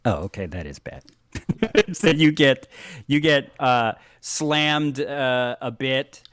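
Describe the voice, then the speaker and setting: A man narrating a tabletop game as game master, halting with many restarts and frequent laughter. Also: mid-range voice, expressive, fairly bright tone, dry recording, clean studio sound.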